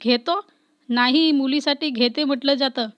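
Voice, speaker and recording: A woman's voice: high-pitched, fairly even intonation, measured pace, no room sound, dull audio. A woman voicing a young man who banters and teases. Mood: teasing. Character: teasing young man, fiancé.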